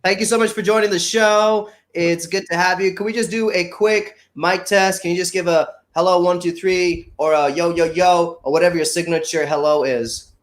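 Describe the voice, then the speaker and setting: A man's voice: high voice, steady tone, moderate pace, hardly any pauses. Chatty upbeat male show host. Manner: upbeat, chatty, playful teasing. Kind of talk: casual livestream show hosting.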